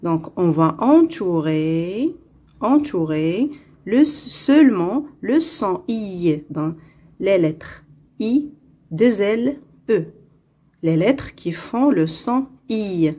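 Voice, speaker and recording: A woman teaching a French phonics lesson, with an Arabic-speaking accent, saying each word slowly twice and counting its syllables. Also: medium pitch, expressive, mellow, slightly rough.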